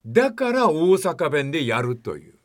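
Casting note: older male radio host, folksy and rambling, with a lively, swinging voice and a somewhat high pitch. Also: normal speed. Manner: rambling, folksy storytelling, asks the co-host questions. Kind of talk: radio talk commentary.

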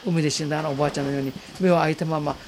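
An elderly woman in her eighties speaks with a soft regional lilt. She tells her survivor's story earnestly and vividly, re-enacting calls and voices along the way. A faint hiss sits under the recording. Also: low voice, steady tone, very fast. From Okinawa, Japan. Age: 80s. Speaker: war survivor giving testimony. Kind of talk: personal storytelling in an interview.

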